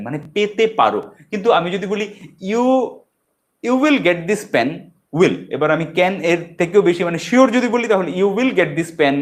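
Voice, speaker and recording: Guy teaching spoken english, kinda high voice, slows way down on the english examples. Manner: explains in Bengali, says English examples slowly and deliberately. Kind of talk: bilingual language lesson.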